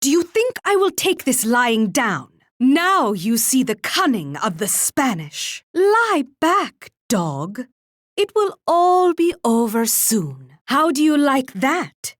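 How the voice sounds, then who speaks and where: A woman's voice: high-pitched, sing-song, slow, no room sound, studio quality, heavily acted. An actress playing an imperious, cruel Spanish warrior queen in a video game, commanding, condescending and taunting. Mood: haughty, taunting. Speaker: video game character voice actor. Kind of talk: theatrical video game voice lines.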